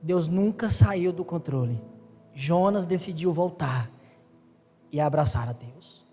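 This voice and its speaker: Guy preaching in a church, kinda high voice, long echo, soft music under it. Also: animated, slow, husky. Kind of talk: sermon. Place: church hall. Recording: live church recording with long reverb and faint music.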